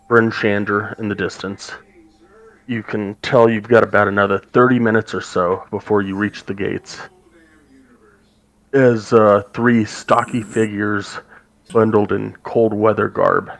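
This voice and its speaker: A man narrating as game master in a tabletop game, halting as he thinks aloud. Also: fairly low pitch, creaky, rough recording.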